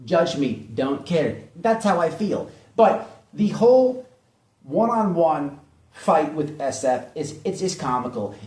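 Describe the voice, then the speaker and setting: The speaker is a man who hosts online commentary, offering blunt, derisive opinions on drama and repeating himself to hammer points home. He has a fairly high voice that is a little mellow, captured on a distant mic in a room with echo.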